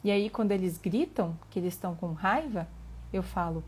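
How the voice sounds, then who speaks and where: Calm, earnest Brazilian woman host. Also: mid-range voice, husky. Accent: Brazilian Portuguese. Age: middle-aged. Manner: calm and earnest, pausing with fillers, asking the listener questions. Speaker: host of a live talk on emotions. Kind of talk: reflective live talk, reading passages aloud.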